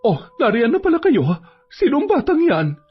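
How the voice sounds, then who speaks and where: A sharp-tongued woman who complains and scolds, voiced high and lively by a man putting her on. She is a figure in a storybook horror tale. The recording is dull and lo-fi, with music behind it. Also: normal speed, heavily acted. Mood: disapproving.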